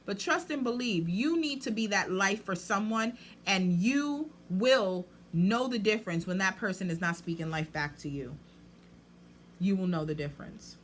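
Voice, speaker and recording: A woman's voice: medium pitch, pushed and bright, a little hiss or hum. A woman hosting a faith-based book talk, speaking in emphatic, preacher-like declarations mixed with casual asides. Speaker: book discussion host.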